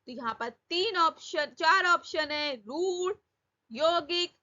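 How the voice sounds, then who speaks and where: A woman's voice: extremely high pitch, animated, slow pace, sharp tone, lo-fi sound. A woman teacher going through exam questions, asking her students each answer again and drawing out key words. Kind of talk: exam-prep lesson.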